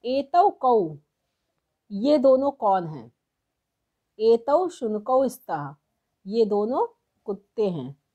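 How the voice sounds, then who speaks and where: A woman's voice: a little high, big pitch swings, mellow, dull audio. A woman teaching a textbook lesson, reading lines aloud and translating them, spelling out words syllable by syllable. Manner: slow, spelling out syllables one by one. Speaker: Sanskrit teacher.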